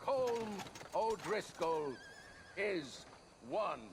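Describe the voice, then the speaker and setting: An actor playing a stern, solemn official at a public hanging in a video game, orating formally and gravely. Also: male voice, high voice, expressive, drawn-out words, background noise, heavily acted. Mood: grave, condemning. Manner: formal, declamatory, grave oratory. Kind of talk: dramatic video game speech.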